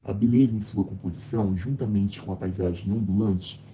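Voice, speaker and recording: A young Brazilian man speaking as a well-known American modernist architect, reading a scripted first-person biography in a measured, reflective way for a class project. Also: fairly low pitch, fairly even intonation, dark tone, highs cut off, a little hiss or hum, lightly acted. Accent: Brazilian Portuguese. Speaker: architecture student.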